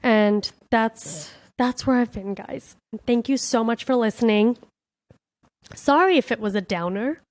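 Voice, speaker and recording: A woman's voice: on the high side, unhurried, darkish tone, no room sound. A woman comedian hosting her own podcast, talking candidly and from the heart in a casual reflective monologue, full of "like" and "you know". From born in India, raised in Miami.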